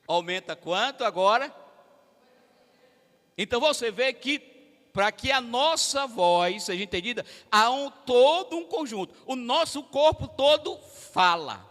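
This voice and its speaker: This Brazilian Portuguese-accented preacher speaks with an extremely high, expressive voice, a bit bright and a little slow. He addresses the congregation at a family service directly, in a conversational way. The large church hall gives an echoey sound.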